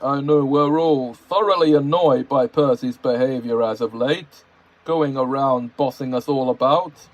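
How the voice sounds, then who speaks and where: A man's voice: mid-range voice, measured pace, muffled recording, close to an everyday voice. A man doing a proud, formal big engine.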